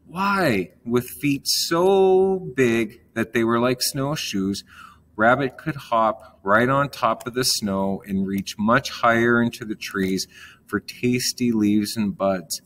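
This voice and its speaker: A man reading a children's story aloud in a calm manner, gently explaining words along the way. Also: medium pitch, slow pace, a little hiss or hum.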